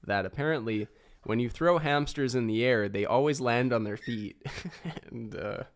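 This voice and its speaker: A man's voice: mid-range voice, moderate pace. A young man hosting a podcast, chatting casually and laughing often. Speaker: podcast host. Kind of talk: casual chat.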